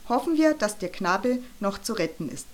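A woman's voice: mid-range voice, very animated, moderate pace, close to an everyday voice. A woman voicing a stern, pessimistic male school principal in an audiobook. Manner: gruff, pessimistic, formal.

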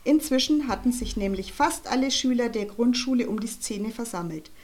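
Woman reading kids story out loud, lively, bit higher voice. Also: normal speed. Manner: lively, expressive. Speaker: audiobook reader. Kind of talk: children's book narration.

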